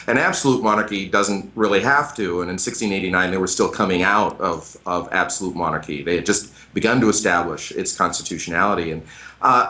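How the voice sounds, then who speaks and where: Speaking in a radio interview, an American history professor in middle age gives long, careful explanations peppered with hesitant fillers. He has a deep voice with a slightly bright edge.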